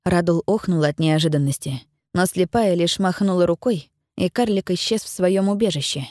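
A woman narrates an audiobook in a measured, even storytelling manner. Her voice is fairly low, and the recording sounds dry and close, like a studio booth. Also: dry recording. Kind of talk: scripted narration.

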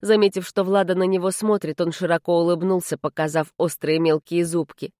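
A woman narrating a fantasy audiobook in a measured, even way. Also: fairly low pitch, no room sound, studio quality. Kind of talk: scripted narration.

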